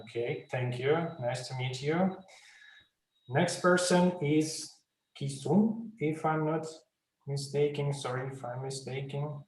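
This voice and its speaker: Slow, echoey male workshop host. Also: a little high, steady tone, darkish tone, slight background noise. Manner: polite, slow, apologetic about names. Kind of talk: moderating introductions on a video call. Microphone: video call.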